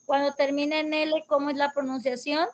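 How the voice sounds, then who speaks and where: A woman's voice: high-pitched, flat delivery, brisk, dull audio. A woman teaching English grammar over a video call, explaining patiently step by step. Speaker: English tutor.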